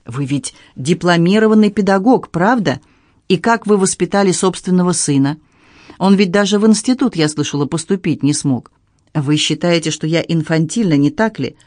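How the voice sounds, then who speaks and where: A man's voice: high voice, moderate pace, a little mellow, dry recording, clean studio sound, lightly acted. A man voicing a hurt, indignant young stepdaughter who speaks reproachfully.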